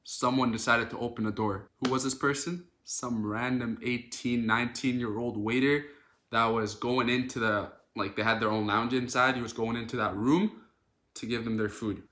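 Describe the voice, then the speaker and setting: A young man from Canada telling an animated, dramatic storytime in a casual vlog. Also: medium pitch, moderate pace, echoey room. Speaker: social media creator.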